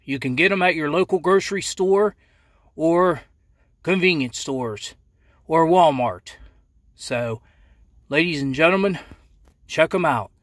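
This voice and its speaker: Slow-talking man, showman-like snack reviewer. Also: a little high, no room sound, clean studio sound. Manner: repetitive, drawn-out announcer phrasing. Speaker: reviewer, channel host.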